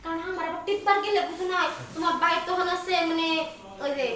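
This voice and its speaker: A young woman playing a bold, sharp-tongued wife of a man working abroad in a comic skit, recorded from far off in an echoey room. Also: very high voice, fairly even intonation, fast talker, slight background noise. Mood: teasing, mocking. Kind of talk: comic village skit acting.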